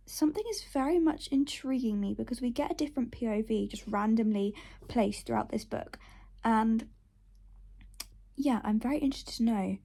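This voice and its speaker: A woman's voice: a little high, vocal fry, mellow. A young woman vlogging casually about books, chatty and emotional, sometimes whispering from her bedroom. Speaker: book vlogger. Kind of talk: casual reading vlog. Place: bedroom at night.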